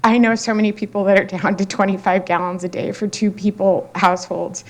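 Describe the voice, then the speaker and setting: An emotional woman speaks at a public hearing, pausing and restarting often. Her voice carries through a podium microphone in a meeting room. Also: mid-range voice, flat delivery. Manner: halting, with many fillers and restarts. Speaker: public commenter.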